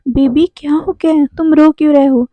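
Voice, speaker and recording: A woman voicing a gentle, caring middle-aged mother who speaks softly and pleads. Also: high voice, steady tone, normal speed, dry recording, lo-fi sound, pitched above the performer's own voice, close to an everyday voice. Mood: soothing. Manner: soft, soothing and pleading.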